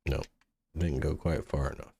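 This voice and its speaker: A man hosting a gaming channel, musing through relaxed gameplay commentary and sounding sleepy. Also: very deep voice, moderate pace, gravelly, slightly rough. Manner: mellow, musing, thinks aloud with restarts. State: sleepy, yawning.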